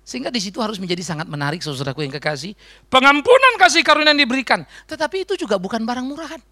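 A male Indonesian pastor delivers a sermon with a gravelly edge and a bright, forceful tone. His pitch swings widely as he acts out the voices he quotes. The sound is dry and close. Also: very animated, racing, dry recording.

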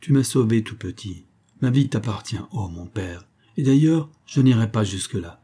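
A man's voice: fairly low pitch, lively intonation, moderate pace, warm tone, slightly rough. A man voicing an earnest, fearful young Indian man who pleads fervently in a spoken storybook.

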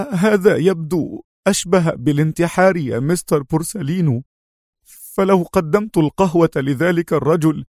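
A man's voice: darkish tone, no room sound, clean studio sound, lightly acted. A man voicing a nervous, frightened lieutenant. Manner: tense, high and shaky. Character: nervous young male police lieutenant, frightened.

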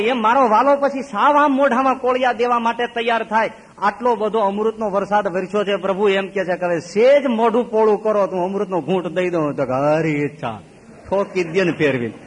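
Husky, animated swami preaching in a hall. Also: male voice. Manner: animated, swings from loud exclaiming to low murmurs. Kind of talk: devotional sermon with storytelling. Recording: long hall reverb.

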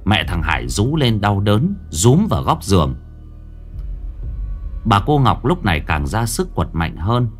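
A man narrating a horror story in a dramatic, expressive storytelling manner. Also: lowish voice, unhurried, faint music behind.

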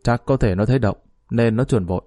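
Man doing a calm, cynical male lover. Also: medium pitch, fast talker, dry recording, faint music behind, natural voice.

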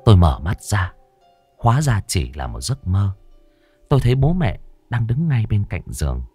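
Dramatic, lively male horror storyteller. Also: deep voice, no room sound. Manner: dramatic, suspenseful reading. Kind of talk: scripted horror narration.

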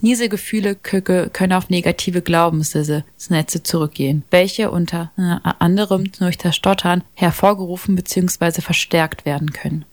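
A woman's voice: fairly low pitch, normal speed, hardly any pauses, no echo. A woman radio reporter who stutters, reading feature narration with repeated sounds and fillers.

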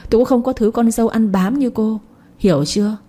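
A woman's voice: a little high, a little fast, warm tone, lightly acted. A woman voicing a scheming old grandmother with a scornful, cutting way of talking. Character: scheming old grandmother, sharp-tongued and cruel.

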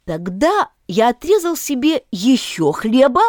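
A woman voicing a nervous male hatter on trial, stammering and pleading slowly. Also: on the high side, sing-song, no echo, studio quality, pitched above the performer's own voice. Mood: fearful.

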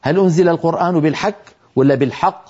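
A middle-aged man teaching Quran recitation, explaining rules and slowly demonstrating how words should be pronounced. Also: on the high side, dark tone, breathy edge. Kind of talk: tajweed lesson with recited examples. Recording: dull lo-fi TV broadcast audio.

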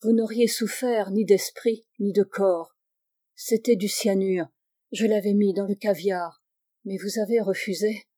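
Storybook part: woman reader as a dying old professor, halting, mellow, composed. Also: medium pitch, fairly even intonation, close to an everyday voice. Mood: grave. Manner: halting, measured speech. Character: dying elderly male professor, calm and grave.

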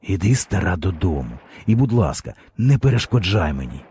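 A man's voice: sits low, big pitch swings, moderate pace, mellow, husky, full character voice. A man voicing a harsh young rebel commander who speaks coldly and menacingly in an audiobook. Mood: stern cold. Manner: stern, menacing.

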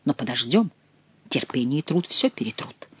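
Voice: mid-range voice, big pitch swings, normal speed, slightly rough, no echo. A reader voicing a hidden male jester who mutters to himself, puzzled and wry. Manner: muttering under his breath.

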